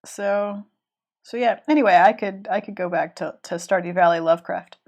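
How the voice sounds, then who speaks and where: A woman who has a cold rambles and restarts her sentences as she chats casually while drawing on a live stream. Her voice is mid-range and darkish in tone, and she talks at a normal speed.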